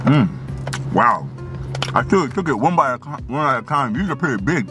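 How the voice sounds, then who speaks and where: A man's voice: mid-range voice, animated, normal speed, music in the background. A hyped, slangy man, chewing with his mouth full as he reviews a snack. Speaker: food reviewer and stand-up comic. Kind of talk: casual snack review vlog.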